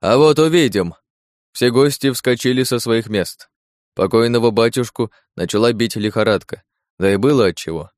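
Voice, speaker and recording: A man narrating a story in a measured audiobook reading. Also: medium pitch, no echo, studio quality.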